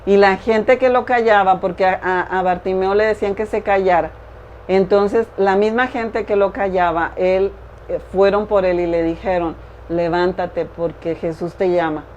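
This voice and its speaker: A woman's voice: mid-range voice, fairly even intonation, normal speed, a little mellow. A woman preaching a sermon, earnest and repetitive, speaking straight to the listener. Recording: dull lo-fi recording with faint hiss.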